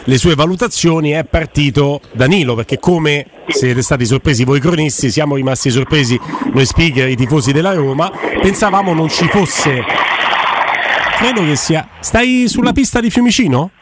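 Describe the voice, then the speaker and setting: A man's voice: fairly high pitch, normal speed, very noisy. A man hosting a live football talk show, conversational and putting questions to his guests. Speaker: sports radio host.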